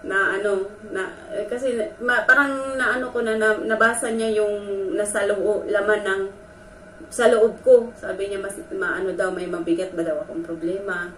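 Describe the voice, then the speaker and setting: A woman's voice: medium pitch, steady tone, moderate pace, fairly bright tone. Earnest woman telling a story, echoey and distant. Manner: earnest, emotional, talks straight to viewers. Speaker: vlogger. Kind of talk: casual personal storytelling. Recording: echoey room from a distance with faint noise.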